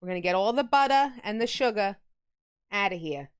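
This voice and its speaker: A woman's voice: mid-range voice, animated, brisk, clean tone. A woman from New York with a Long Island accent, chatting casually with viewers while she bakes on a livestream, greeting people by name and rambling through asides. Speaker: livestreamer baking on stream. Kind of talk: casual chat while baking.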